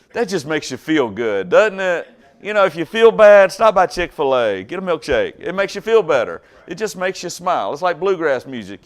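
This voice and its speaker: Brief: middle-aged man, casual Bible class teacher, folksy and joking, loud bursts that drop to quiet asides. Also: high-pitched. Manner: wide swings in loudness, from loud bursts to quiet stretches.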